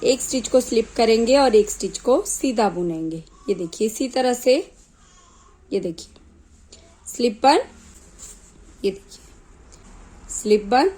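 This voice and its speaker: A woman walks viewers through a knitting pattern in a calm, unhurried way, counting stitches aloud one by one. Her voice sits a little high and sounds slightly off from a sore throat, and she speaks very slowly. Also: low-quality recording. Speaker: knitting tutor. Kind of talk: slow step-by-step craft tutorial.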